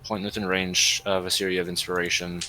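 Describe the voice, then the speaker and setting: Male tabletop player, fairly deep but crisp and forceful, casual game chat. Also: level tone, fairly quick, faint music behind, low-quality recording.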